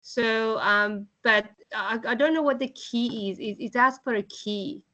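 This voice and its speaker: A woman's voice: a little high, fairly even intonation, unhurried, sharp tone. A woman student asking questions hesitantly with many ums over a video call.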